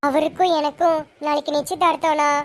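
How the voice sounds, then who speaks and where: A woman's voice: high voice, steady tone, quick pace, slight background noise, close to an everyday voice. An actress playing a young woman about to be engaged, who earnestly pleads with her brother. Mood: earnest, pleading. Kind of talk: TV serial acting.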